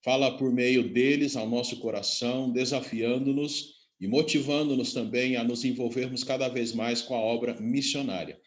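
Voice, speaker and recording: A man's voice: mid-range voice, steady tone, normal speed, hardly any pauses. A male church leader welcomes the congregation and leads a prayer in a formal pastoral tone. His voice rings with the echo of the church room.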